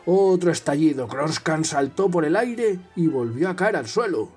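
A man's voice: on the high side, expressive, moderate pace, darkish tone, breathy edge, faint music behind. A man reading a novel aloud, taking turns with a partner, telling it dramatically and dropping to a whisper in tense moments. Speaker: reader.

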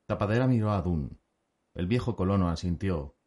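Deep-voiced male audiobook narrator. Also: expressive, normal speed, mellow.

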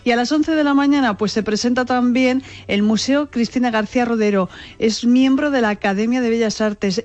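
A woman's voice: a little high, a little mellow, highs cut off. A woman reporting for regional radio, talking in a conversational way with frequent filler words. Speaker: radio correspondent. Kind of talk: news report.

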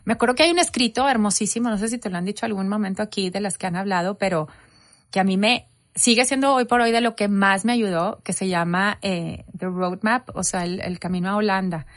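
A woman's voice: mid-range voice, fairly quick. A woman, telling her family's story in a sit-down interview. Her voice sits in a middle register and is recorded close, with a dry sound and no room echo. She tells the story with life and acts out the conversations she remembers. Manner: animated storytelling, acting out quoted dialogue.

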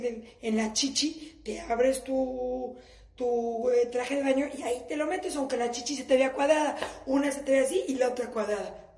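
A woman's voice: sits high, darkish tone, reverberant. A woman with a Mexican accent performing a crude, mocking stand-up comedy monologue and acting out her family in different voices. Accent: Mexican Spanish.

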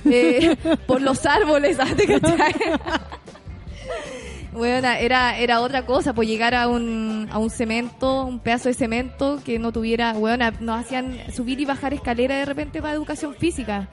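A woman's voice: sits high, fairly even intonation, normal speed, faint music behind. A woman with a Chilean accent co-hosting a radio show, chatting in a laid-back, slangy way and rambling with restarts. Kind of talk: casual radio chat.

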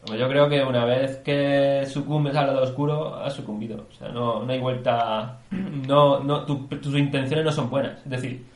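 Man, casual podcast co-host, excitable, curses freely, roomy echoey sound. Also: medium pitch, normal speed, few pauses. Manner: excitable, swears, weighs ideas aloud. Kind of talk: casual chat.

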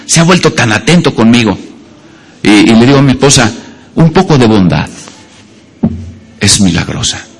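A man's voice: medium pitch, big pitch swings, moderate pace, long pauses, slightly rough. A male pastor preaching a sermon, telling homely stories and jokes with many hesitations and fillers.

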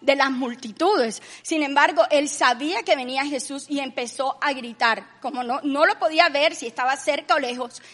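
A woman with a high, bright voice gives an earnest faith-based talk. She leans into emphatic, raised passages as she retells a story. The room adds a long reverb tail. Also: normal speed, hardly any pauses. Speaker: co-host.

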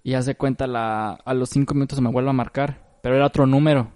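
Speaking quickly in a mid-range voice, this man, a podcast co-host, spins a casual, slang-filled tale for his friends and animatedly performs each character's voice himself.

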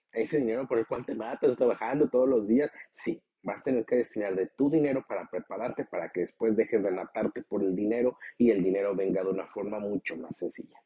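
A man with a Mexican accent hosts a motivational podcast in a blunt, profane, goading way. His voice sits a bit low and husky. The recording sounds dull and lo-fi. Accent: Mexican Spanish. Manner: blunt, profane, swings into high mocking voices. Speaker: podcast host.

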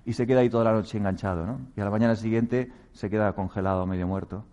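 A man's voice: on the low side, fairly even intonation, quick pace, dark tone. A man from giving a reflective talk on meditation, speaking earnestly, chuckling at himself and acting out quoted voices.

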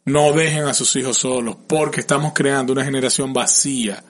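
A man's voice: medium pitch, fairly even intonation, a little fast. A man, a parent, talking in a casual conversation and earnestly giving advice straight to listeners about feelings and family. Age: adult parent. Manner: emotional and open about feelings.

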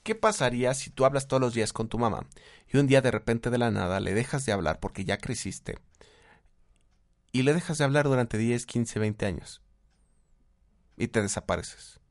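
Mexican man, advice-giver, lively delivery, acts out voices, quick laughs. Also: medium pitch. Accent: Mexican Spanish. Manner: animated, acts out quoted voices, laughs often. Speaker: guest speaker, therapist. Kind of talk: casual conversational advice.

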